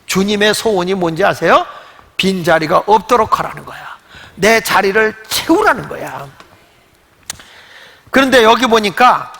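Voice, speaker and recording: Older man pastor, high gravelly voice, lively storytelling sermon in a reverberant church. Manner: animated storytelling, acts out quoted voices. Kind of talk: Sunday sermon. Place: church sanctuary. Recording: long hall reverb.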